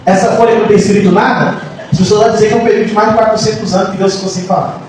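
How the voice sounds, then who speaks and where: A man, a pastor, preaching a sermon with passion, moving between soft lines and shouts. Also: high voice, fairly even intonation, rapid-fire. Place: church hall. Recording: echoey church hall, mic far off, faint noise.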